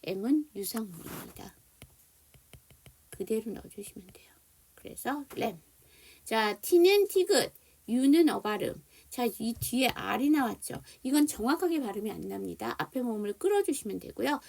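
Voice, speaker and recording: Lively Korean woman teaching English phonics. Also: a little high, a little slow, creaky, husky. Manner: explanatory, drills students with call-and-repeat. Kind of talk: online phonics lesson.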